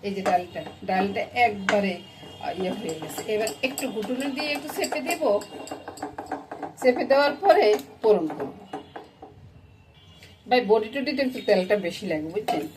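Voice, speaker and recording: A woman's voice: medium pitch, sing-song, moderate pace, pauses often. A middle-aged woman from Bangladesh with a Noakhali Bengali accent, chatting casually as a cooking vlogger and often checking that viewers follow her. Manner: chatty, keeps asking viewers "you get it?". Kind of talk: casual cooking vlog chat. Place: home kitchen. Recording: loud kitchen frying noise. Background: frying and sizzling.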